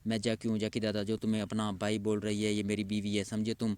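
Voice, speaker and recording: A man voicing a swaggering, bullying thug with gruff, loud outbursts in a story reading. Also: on the low side, monotone, close to an everyday voice. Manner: gruff, blustering shouts.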